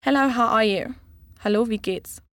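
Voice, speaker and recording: A woman tutoring a language lesson, giving each phrase slowly and clearly for a learner to repeat. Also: on the high side, fairly bright tone, no room sound, studio quality. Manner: clear, measured model pronunciation.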